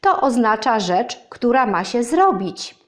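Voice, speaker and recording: A woman's voice: on the high side, sing-song, slow. A woman voicing a pompous old owl who lectures with long words, in a children's storybook reading. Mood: lecturing.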